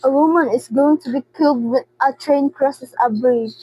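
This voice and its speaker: A teenage girl acting in a radio drama as a frantic, demanding invalid woman alone at night, anxious and repeating herself haltingly. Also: sits high, dry recording, highs cut off, lightly acted. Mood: fearful, upset. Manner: anxious, imperious, halting repetitions.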